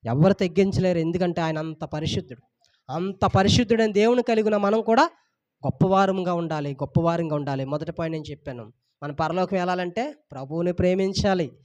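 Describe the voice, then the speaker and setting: A pastor preaches with emphatic, repetitive phrasing, pressing each point again and again. His voice sits notably high for a man. The recording is dry and close, with no room echo. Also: brisk, darkish tone, dull audio. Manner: emphatic, repetitive preaching with rising and falling intensity. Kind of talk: sermon.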